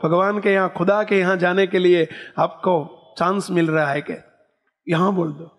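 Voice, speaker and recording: A man playing a concerned neighbor from a village who rushes to an old woman's side. His voice is high and eager, and his questions come in a short, anxious rush. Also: flat delivery, long reverb tail. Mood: coaxing.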